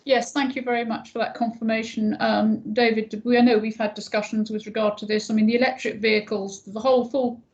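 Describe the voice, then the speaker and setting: A man chairing a council committee on a video call, courteous and halting, thanking each speaker. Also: sits high, level tone, dull audio.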